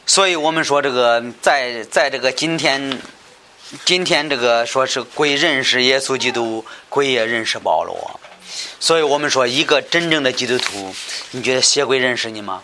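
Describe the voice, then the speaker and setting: A man's voice: medium pitch, normal speed, pushed and bright, a little hiss or hum. A man teaching a Bible study lecture, talking hesitantly with many fillers and repeated words, often asking his listeners questions.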